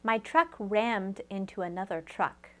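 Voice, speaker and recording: A woman reading short example sentences in an English pronunciation lesson, plain and clear. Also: mid-range voice, expressive, measured pace, a bit bright.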